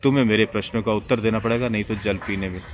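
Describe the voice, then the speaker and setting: A man's voice: fairly low pitch, steady tone, racing, lightly acted. A man voicing a stern male yaksha spirit in the form of a crane, speaking in a commanding, warning manner.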